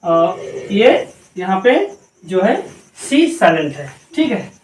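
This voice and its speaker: Slow lady teacher spelling stuff out letter by letter, roomy echo. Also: medium pitch, very animated, a little mellow, distant mic. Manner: spells words letter by letter, asks and answers own questions. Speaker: English teacher. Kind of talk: slow spelling-out grammar lesson. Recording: echoey room, voice from off-mic.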